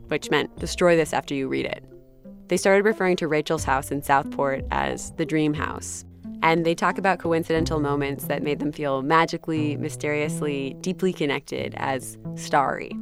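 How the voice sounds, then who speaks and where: A woman hosting and narrating a story podcast in a conversational, reflective way. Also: sits low. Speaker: podcast host. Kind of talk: scripted narration.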